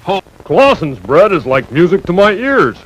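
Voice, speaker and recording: A man doing a pushy high puppet pitchman. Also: sing-song, moderate pace. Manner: pushy and wisecracking. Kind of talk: 1960s commercial puppet acting. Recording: old noisy TV commercial audio.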